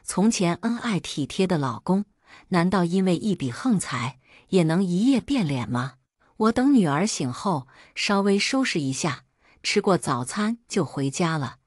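A woman narrating a first-person family drama in a steady, plain reading voice. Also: lowish voice, unhurried, dry recording, clean studio sound. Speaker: storyteller.

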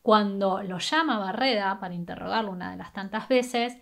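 A woman's voice: medium pitch, creaky, a bit bright. A young woman with an Argentine Spanish accent tells a true crime story in a casual, conversational way while doing her makeup, dropping "eh" and "¿no?" along the way. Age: young adult. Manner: conversational, brisk, with filler "eh" and "¿no?". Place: small bedroom indoors. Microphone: webcam or camera at desk distance.

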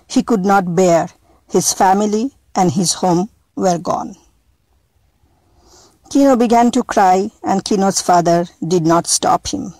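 A woman reading a storybook aloud in a slow, deliberate manner, addressing listeners as a storyteller. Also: medium pitch, a little mellow, no echo, rough recording.

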